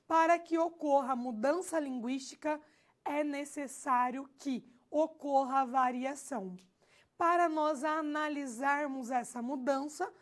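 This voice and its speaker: A Brazilian woman with a high voice delivers a recorded lecture. She speaks slowly and deliberately and stresses key phrases. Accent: Brazilian Portuguese. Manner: slow, explanatory, repeats key phrases. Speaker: teacher.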